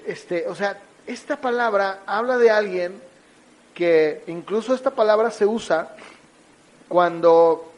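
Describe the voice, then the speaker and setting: A man's voice: high-pitched, slow pace, low-quality recording. A man preaching a sermon, teaching through everyday examples and rhetorical questions, and acting out little scenes as he goes. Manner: lively, acts out little scenes with shifting voice.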